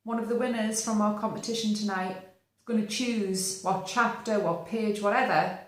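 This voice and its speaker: Woman doing a chatty interview, teasing and blunt, mid pitch, super echoey room. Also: fairly even intonation, normal speed. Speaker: interviewer, host. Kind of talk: casual chat.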